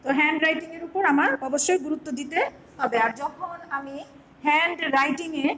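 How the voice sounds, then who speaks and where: Woman, Bangladeshi accent, teacher, high pitch, slow step-by-step explaining, faint background noise. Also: fairly bright tone, rough recording. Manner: explains step by step, spells words out slowly. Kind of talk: online class lesson.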